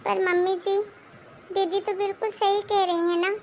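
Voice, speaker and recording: A woman voicing a meek young pregnant daughter-in-law in an animated story, soft and pleading. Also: extremely high pitch, normal speed, slight background noise, voice pushed up.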